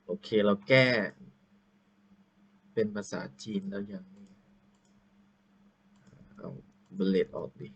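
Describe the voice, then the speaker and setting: A man teacher walking through a screen-recorded software tutorial, unhurried and thinking aloud with drawn-out fillers, into a computer microphone. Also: low-pitched, flat delivery, creaky, husky, highs cut off.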